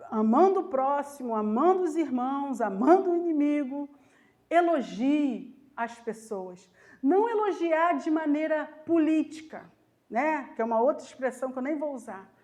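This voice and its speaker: A Brazilian Portuguese woman preaches a Sunday sermon in a high voice. She tells her stories with emphasis and acts out the people she quotes. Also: lively intonation, measured pace, darkish tone. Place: church.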